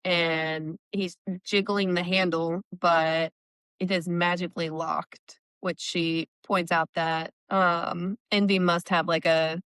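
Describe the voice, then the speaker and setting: Chatty woman with a smooth, low voice. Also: flat delivery, slow pace, a bit bright, no room sound. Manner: chatty retelling, frequent "like" and "um". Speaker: podcast co-host. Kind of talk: casual book-recap chat. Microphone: remote call.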